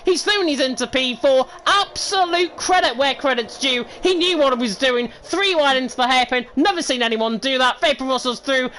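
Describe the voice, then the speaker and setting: A woman with a Northern English accent giving animated, quick play-by-play in live sim racing commentary. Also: sits high, a little hiss or hum, rough recording. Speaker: esports race co-commentator.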